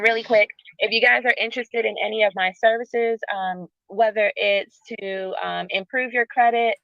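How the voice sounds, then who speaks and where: A woman calls in on a phone from her car while she drives. Her voice is gravelly and dry, with no room around it, and it comes through muffled and lo-fi. She speaks loosely and chattily, with plenty of filler. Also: medium pitch, no room sound. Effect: speaking from a moving car over a phone. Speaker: credit consultant. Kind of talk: casual promotional outro on a live audio room.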